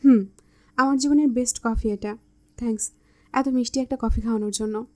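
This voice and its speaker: A woman's voice: fairly high pitch, fairly even intonation, a little fast, a little mellow, close to an everyday voice. A woman voicing a teasing, bossy young man in love, with a smug manner.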